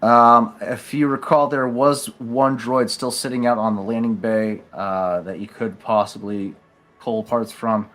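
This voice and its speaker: A game master voicing a polite, formal admin droid who sounds like an apologetic butler, with stiff, overly courteous phrasing. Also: male voice, mid-range voice, steady tone, a little slow, a bit bright, faint music behind, lightly acted.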